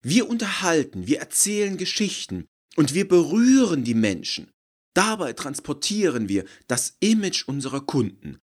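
A man reading an audiobook, voicing an excited, effusive female advertising executive. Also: on the high side, moderate pace, voice pushed up. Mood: gushing.

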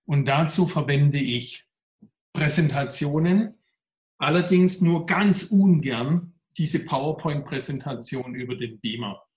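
A man in an interview answers thoughtfully and at length. His voice sits somewhat high and sounds pressed from a tight neck. The room gives it a noticeable echo. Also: measured pace, a little mellow. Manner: reflective, speaks of a strained, pressed voice. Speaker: coach and workshop speaker. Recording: roomy echo.

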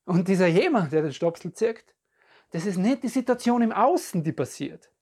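Husky, medium in pitch and moderate in pace, this voice belongs to a podcast coach delivering a calm, reflective self-help talk straight to the listener. Words are often searched for and phrases repeated, and it's captured with a podcast and video mic.

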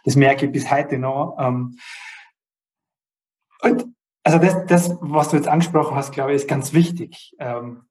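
A man hosting a podcast interview, affirming his guest and asking gentle follow-up questions. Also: medium pitch, unhurried, long pauses, a little hiss or hum, rough recording. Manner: encouraging, affirming listener. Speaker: host and coach.

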